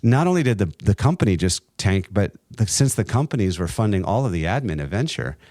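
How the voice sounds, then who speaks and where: A middle-aged man telling a personal faith story in an interview, earnest and halting, with many restarts. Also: on the low side, big pitch swings, a little mellow, dry recording, clean studio sound. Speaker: guest, entrepreneur and nonprofit co-founder.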